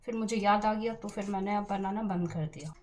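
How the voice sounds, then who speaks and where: A woman's voice: mid-range voice, a little fast, darkish tone, slight background noise. A young woman chatting playfully to camera in a casual home vlog. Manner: playful, chatty, giggling through a drying face mask. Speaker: vlogger.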